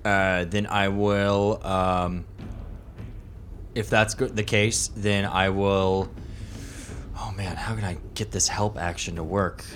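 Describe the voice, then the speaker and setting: A man's voice: low voice, fairly even intonation, slow, a bit bright, slight background noise. A man talking casually as a player in a tabletop role-playing game.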